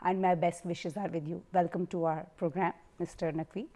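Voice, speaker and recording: A woman's voice: fairly low pitch, fairly even intonation, moderate pace, mellow. A woman hosting a TV talk show, introducing her guest effusively and asking long, formal questions. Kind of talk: hosting an interview.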